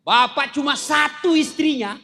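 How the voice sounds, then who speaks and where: Man, high pitch, joking sermon, story-telling, asides to the audience. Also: a little slow, gravelly, bright, forceful tone. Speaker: preacher. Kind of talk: humorous sermon.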